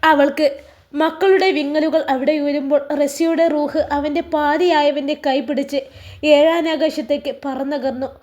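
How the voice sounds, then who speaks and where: A woman with a Malappuram Malayalam accent, narrating an emotional story in a soft, expressive way. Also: high-pitched, normal speed.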